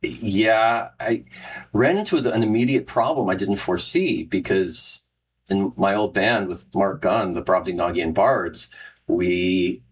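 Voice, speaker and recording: Sitting low and a little slow, a middle-aged man's voice comes through a rough recording with some hiss or hum. A podcast host and Renaissance fair performer, he runs a casual solo chat with live listeners, wandering off track, restarting, and chuckling at himself.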